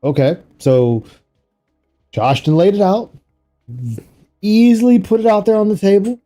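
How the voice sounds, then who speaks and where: A man's voice: sits high, a little slow, mellow, soft background music. A man streaming, commenting sarcastically and incredulously on an interview clip he is playing. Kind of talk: reaction commentary.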